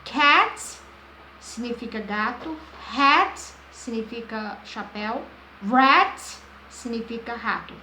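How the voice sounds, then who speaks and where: A woman with a fairly high voice teaches phonics informally, pausing and repeating filler words as she searches for what to say. She talks very slowly and draws out her explanations. The recording sounds roomy, with a faint hum of noise behind her. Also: bright, forceful tone. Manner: slow, drawn-out explanations. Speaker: English teacher. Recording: echoey room with faint background noise.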